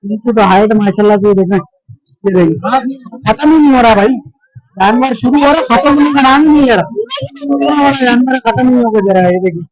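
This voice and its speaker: A man's voice: very high voice, a little fast, low-quality recording. A man, chatting casually through a walking vlog at a livestock expo, repeating himself and joking with animals and passers-by. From Pakistan. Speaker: vlogger. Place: busy indoor livestock expo hall.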